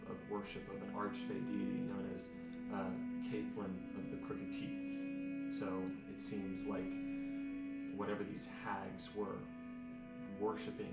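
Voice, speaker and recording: A man acting as game master, improvising descriptive narration in a halting way with pauses mid-sentence. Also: on the low side, creaky. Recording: roomy echo with music behind.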